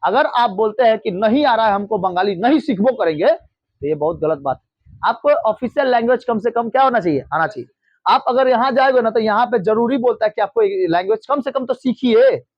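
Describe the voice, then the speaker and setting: A man with a strikingly high voice teaches a class, repeating each point and quizzing the room. The recording is dry and a little muffled. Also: lively intonation, a little fast, no room sound. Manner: repetitive, drilling questions, mimics regional speech. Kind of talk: classroom lecture with call-and-response.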